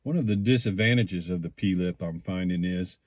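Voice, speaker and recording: A man giving a casual, rambling product review, speaking in a hesitant, unhurried way as he thinks aloud. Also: low voice, darkish tone, dry recording. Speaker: pipe tobacco reviewer.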